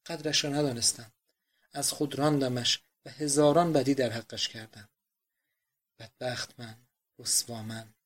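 A man voicing a young countess, pleading and despairing in a quiet, subdued voice as she mourns her father in a read-aloud novel. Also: medium pitch, steady tone, close to an everyday voice. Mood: grieving, pleading. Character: grieving remorseful countess, young woman.

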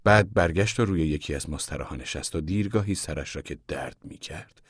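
Deep-voiced male audiobook narrator. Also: breathy edge, no echo, studio quality. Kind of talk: scripted narration.

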